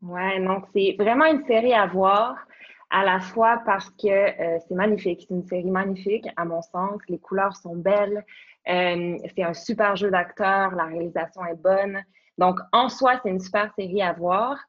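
A woman's voice: mid-range voice, steady tone, normal speed, dull audio. A young woman, a podcast guest who explains eagerly, with many fillers and restarts. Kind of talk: podcast interview.

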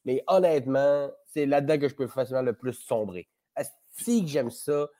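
A man's voice: medium pitch, moderate pace, mellow. A man with a Québécois French accent, a podcast guest chatting casually, rambling and playful, swearing freely. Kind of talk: casual conversation.

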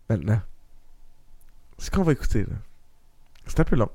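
A man's voice: medium pitch, a little slow, husky, dry recording. A man with a Québécois accent hosting a casual movie podcast, chatty and full of restarts. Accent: Québécois French. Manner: lively, chatty, restarts a lot. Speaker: podcast host.

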